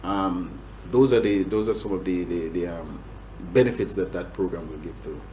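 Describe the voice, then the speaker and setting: In a poorly recorded interview with a faint hum underneath, a Grenadian government agriculture official answers at normal speed. His voice is very low and warm, and he often stops, starts over and fills pauses with "um."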